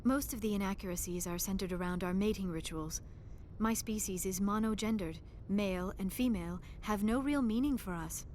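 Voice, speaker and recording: This is a woman's mid-range, slightly mellow voice at normal speed, close to how she'd talk every day, with a bit of background noise. She plays a young alien scientist, an archaeologist on the crew in a video game, explaining calmly in a shy, earnest way with formal, exact diction.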